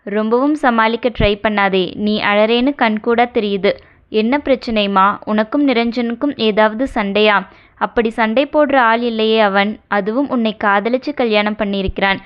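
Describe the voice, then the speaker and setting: A woman voicing a caring, older-sister friend who coaxes and gently scolds, read in an audio novel. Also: a little high, normal speed, clean tone, natural voice. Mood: coaxing. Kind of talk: audio novel character reading. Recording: dull lo-fi recording.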